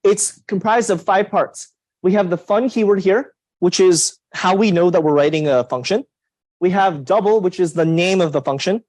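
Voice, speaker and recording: A young man lecturing a university class, lively and emphatic, putting questions to the students. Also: sits high, normal speed, dry recording, rough recording. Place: lecture hall.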